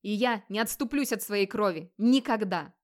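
A woman voicing an old crippled father who shouts in fury and defiance. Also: medium pitch, moderate pace, natural voice. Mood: furious defiant. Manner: shouting fiercely.

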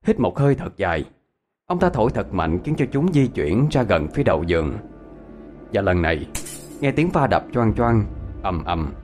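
A man narrating a ghost story expressively. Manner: expressive, varied pitch.

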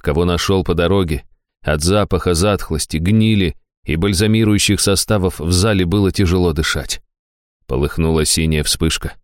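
A man narrating a fantasy audiobook in a very deep, low voice. His tone is smooth and resonant, and the recording is dry and close. He reads at a measured, even pace. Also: no echo.

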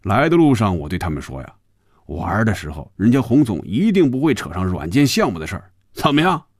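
A man's voice: fairly low pitch, very animated, no room sound. A jovial middle-aged company boss, as a male narrator puts him on for a radio audiobook. He talks in a hearty, chummy way, his voice bouncing up and down. Dry, close sound. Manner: hearty, chummy, drawn-out exclamations.

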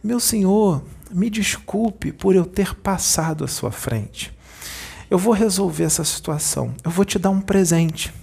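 A man voicing Jesus, speaking calmly, slowly and gently. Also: high-pitched, pitched above the performer's own voice, heavily acted. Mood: gentle. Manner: calm, slow and gentle.

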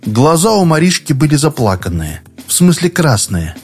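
Expressive male narrator, lively intonation, faint music bed. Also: a little high, normal speed, slightly rough. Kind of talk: audiobook narration.

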